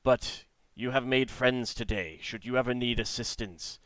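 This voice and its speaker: A man voicing a courteous, wary lizard folk ship captain in a tabletop game, with halting, formal, grave speech. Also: medium pitch, fairly bright tone, no room sound, lightly acted. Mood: grateful, formal.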